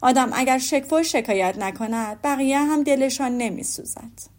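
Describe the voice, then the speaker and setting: A woman voicing a fretful, complaining middle-aged mother, shrill and self-pitying, in an audiobook. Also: natural voice. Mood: scolding. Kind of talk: audiobook character voice.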